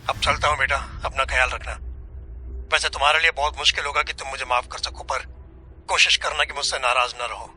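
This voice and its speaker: A man's voice: medium pitch, fairly even intonation, fairly quick, bright, forceful tone, slight background noise. An actor playing a middle-aged father leaving a solemn, apologetic farewell message for his son in an audio story. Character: dying father leaving a recorded farewell message, grave and regretful.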